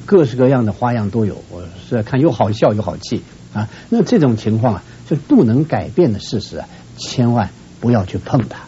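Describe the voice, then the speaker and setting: A mellow, darker-toned man counsels his audience on marriage, earnest and admonishing. His voice leaps upward to stress his points. The recording is dull and lo-fi with a faint hiss behind him. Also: on the low side. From Shenyang, northeast China. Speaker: family counselor. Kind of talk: advice talk to a viewing audience.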